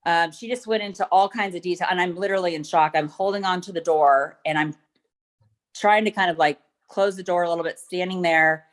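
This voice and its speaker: A woman's voice: fairly low pitch, fairly quick. A middle-aged woman giving courtroom testimony, hesitant and full of ums as she retells events step by step. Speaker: witness.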